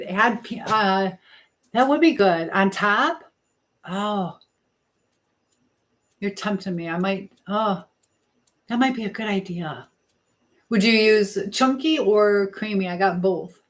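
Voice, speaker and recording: A woman with a medium-pitched, fairly bright voice hosts a casual live stream from her kitchen, chatting to herself and her viewers and reading comments aloud as she works. The room is echoey, with clear background noise.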